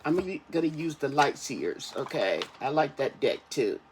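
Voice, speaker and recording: A tarot reader talking casually to camera while getting over an illness, halting and repetitive, often tagging phrases with a questioning check-in. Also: mid-range voice, sing-song, slight background noise, rough recording. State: recovering from an ear infection. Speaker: tarot reader, channel host.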